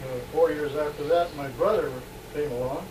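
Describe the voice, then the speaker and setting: An older American man in his late sixties reminisces in an interview, pausing often mid-phrase. He sits away from the microphone in a roomy home, captured on old worn tape with heavy noise. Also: fairly high pitch, far from the mic. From San Diego, California. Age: late 60s. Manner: halting, pauses mid-phrase. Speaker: oral history interviewee. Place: in a home, 1970s tape recording.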